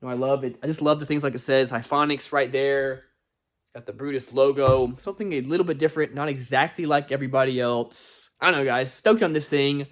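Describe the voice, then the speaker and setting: Excited man reviewing a subwoofer. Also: mid-range voice, brisk. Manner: excited, folksy, says "y'all" and "guys" a lot. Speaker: car audio reviewer. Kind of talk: enthusiastic product review vlog.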